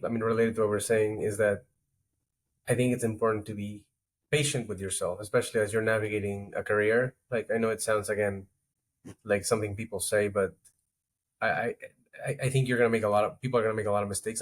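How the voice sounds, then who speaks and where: On a podcast, a strategy executive talks fast in a low-ish voice with fairly even intonation. He's reflective in this casual interview, restarting often and using plenty of filler words.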